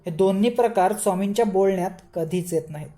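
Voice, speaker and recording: A woman voicing a calm, shrewd older man who speaks firmly and explains things patiently. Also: mid-range voice, fast, lightly acted. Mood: explaining. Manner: firm, level-headed, explaining.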